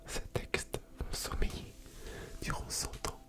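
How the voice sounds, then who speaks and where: A woman hosting ASMR in a soft, unvoiced library whisper, reading aloud and commenting casually. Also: slow pace. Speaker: ASMR video creator and host.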